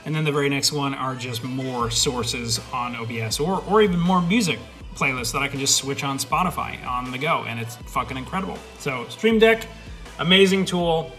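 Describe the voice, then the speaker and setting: A man's voice: mid-range voice, lively intonation, normal speed, fairly bright tone, soft background music. A young man and streamer giving a casual, enthusiastic tour of his home desk setup, swearing now and then as he rambles through his gear, recorded on a studio mic. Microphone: studio USB/XLR dynamic mic.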